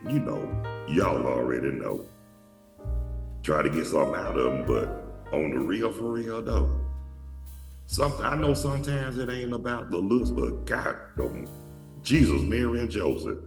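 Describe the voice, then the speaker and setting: Over music, a man's deep voice swings widely in pitch at a measured pace, with vocal fry and frequent pauses. This Atlanta, Georgia show host rambles through a casual, profane storytelling monologue with many restarts, the mic distant in an echoey room.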